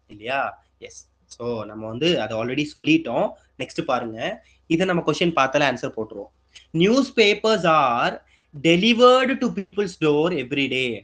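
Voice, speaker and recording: Higher-voiced man teaching a lesson. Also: fairly bright tone. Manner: asks students questions and answers them, repetitive. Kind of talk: exam-prep grammar lesson.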